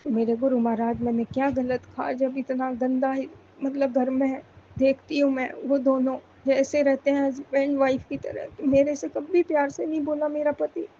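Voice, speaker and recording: A woman's voice: sits high, dark tone, dull audio, slight background noise. A woman pleading emotionally in a prayerful monologue to her spiritual guide, repeating thanks and pouring out her troubles. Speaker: devotee sharing a personal prayer. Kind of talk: devotional monologue.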